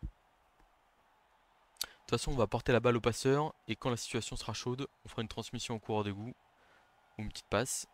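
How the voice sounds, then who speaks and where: A man commentating his own board game match live, talking tactics under his breath and shouting when a play succeeds or fails. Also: mid-range voice, fairly quick, long pauses. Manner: excitable, shouts on big plays, then murmurs tactics. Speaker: gaming commentator.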